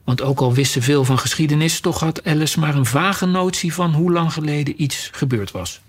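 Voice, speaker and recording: A man narrating a storybook with a lively, expressive reading. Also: fairly high pitch, normal speed, slightly rough.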